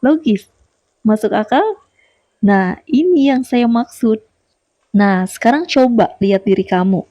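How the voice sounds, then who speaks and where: Addressing her viewers straight to camera, a woman gives a motivational talk in which she repeats her main points and asks the listener questions. She sounds warm and a little high, speaking unhurriedly with frequent pauses, with no echo.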